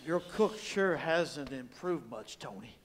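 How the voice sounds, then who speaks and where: A man's voice: a little high, expressive, slow, very noisy. A man playing an unafraid rival mobster's envoy in a stage comedy, taunting and confrontational.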